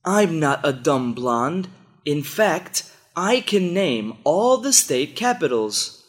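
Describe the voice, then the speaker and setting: A man's voice: a little high, very animated, takes it slowly, voice pushed up. A man voicing a naive, proud young man in a joke, speaking in a raised, boastful voice. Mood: indignant. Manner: indignant, boastful.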